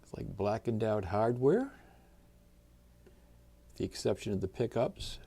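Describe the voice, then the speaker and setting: A man hosting a guitar channel, chatting in a relaxed, folksy way while unboxing a new guitar. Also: lowish voice, unhurried, gravelly, slightly rough. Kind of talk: casual unboxing vlog.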